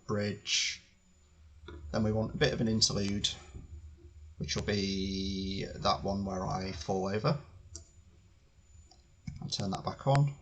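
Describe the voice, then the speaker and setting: A man streaming live as he edits his video, thinking aloud with fillers and restarts, his voice slightly hoarse. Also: sits low, slight background noise. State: slightly hoarse, clearing throat. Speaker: channel host editing video. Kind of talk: casual live-stream commentary.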